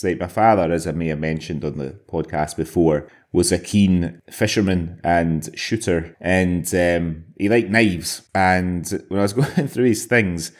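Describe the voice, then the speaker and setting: A man speaks in a fairly low voice as a podcast co-host. His style is casual, conversational storytelling about his own life. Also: a little mellow. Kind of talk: casual chat, personal anecdote.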